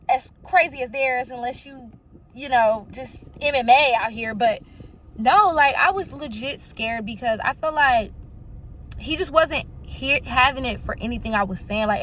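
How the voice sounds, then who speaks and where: A young woman vlogger telling a storytime monologue in a chatty, animated way, talking straight to her viewers. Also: fairly high pitch, rough recording.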